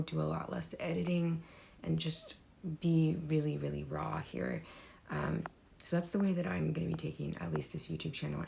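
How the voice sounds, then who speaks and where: A woman artist talking unscripted in a personal vlog, rambling with fillers and restarts, her voice hoarse, from a room at home. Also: low-pitched, darkish tone, slight background noise. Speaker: artist vlogger. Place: home room with desks and easel.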